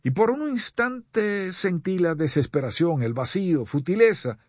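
Man, radio preacher, husky voice, pleading sermon, dry dull recording. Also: high-pitched, lively intonation, darkish tone, no echo. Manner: earnest, pleading, slow deliberate pauses. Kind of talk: sermon addressing listeners.

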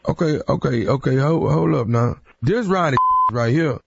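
A radio prank caller puts on the voice of a male inmate calling collect over a payphone line, pitching it below his own medium-pitched voice. The creaky, fairly bright delivery is animated and moderately paced, stammering and insistent, pleading and stunned, with laughter under his breath. The line sounds dull and dry, with a little hiss or hum.

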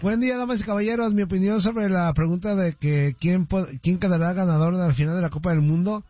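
Mexican male radio host, joking banter, high voice, muffled dry broadcast. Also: a little fast, dry recording. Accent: Mexican Spanish. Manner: joking, teasing, crude banter. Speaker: radio host reading listener messages. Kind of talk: casual call-in radio chat. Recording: dull, dry radio sound.

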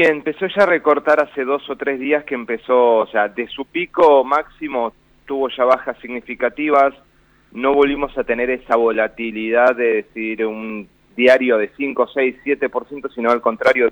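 On the radio, a man gives rambling finance commentary full of fillers and restarts, speaking Rioplatense Spanish with a faint northern Argentine lilt; he's from Buenos Aires. His mid-range voice keeps a moderate pace over a dry, phone-quality recording.

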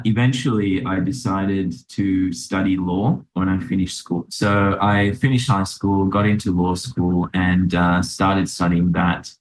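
A man in his thirties from Sri Lanka, a doctor and podcast guest, speaking reflectively in conversation. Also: low voice. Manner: reflective, with many fillers and restarts. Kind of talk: interview conversation. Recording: roomy echo.

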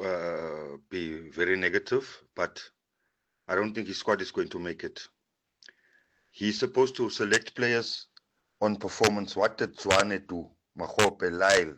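A man's voice: fairly low pitch, fairly bright tone. A man from KwaZulu-Natal, South Africa, leaving a voice note for a radio show, giving blunt, critical opinions. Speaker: listener sending a voice note.

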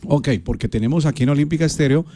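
Radio host, chatty and friendly, throwing to the reporter. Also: male voice, fairly high pitch, quick pace, mellow, slight background noise. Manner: friendly, conversational cueing of reporters. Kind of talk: live radio news anchoring.

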